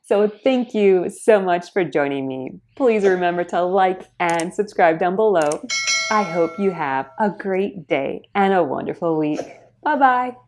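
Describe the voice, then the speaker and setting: A woman's voice: lowish voice, unhurried, darkish tone, a little hiss or hum. A woman vlogger talking casually and earnestly, explaining things step by step. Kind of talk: casual vlog narration.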